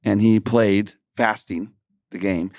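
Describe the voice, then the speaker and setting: Gravelly, joking man. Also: lowish voice, slow, dry recording, clean studio sound. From Texas. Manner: animated, joking, laughs often. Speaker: podcast co-host. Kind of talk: casual gospel podcast chat.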